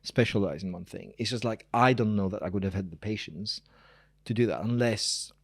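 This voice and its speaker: Brisk and gravelly with a breathy edge, a lower-pitched male voice belongs to a professor from Greece in his 40s. He's an interview guest speaking loosely and digressively, hammering points through repetition, captured in a dry, studio-quality recording.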